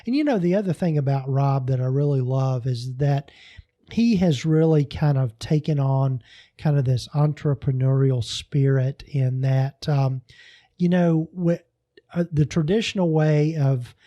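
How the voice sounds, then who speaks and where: Warm, rambling male podcast host. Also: medium pitch, a little slow, no room sound, highs cut off. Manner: rambling, many fillers and restarts. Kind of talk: casual podcast sign-off.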